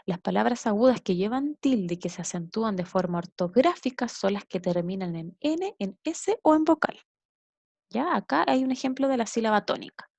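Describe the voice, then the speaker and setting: A woman teacher with a Chilean Spanish accent walks students through a lesson in a patient, explanatory way, often pausing to check understanding. Her voice sits somewhat high. The recording is dry, with little room sound. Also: gravelly, darkish tone, no room sound.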